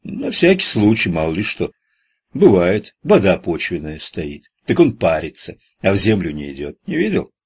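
A coarse old gravedigger from an audiobook, blunt and slangy, who grumbles more than he talks, as a male reader puts him on. His voice sits low and husky. He sounds rough around the edges. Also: big pitch swings, normal speed, heavily acted. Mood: grumbling.

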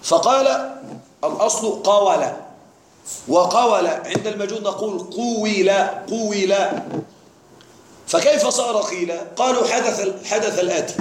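A man's voice: sits high, measured pace. A man teaching Arabic grammar in a classroom lecture, stopping often to quiz his students with questions. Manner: quizzes students with repeated questions. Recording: echoey classroom with faint noise.

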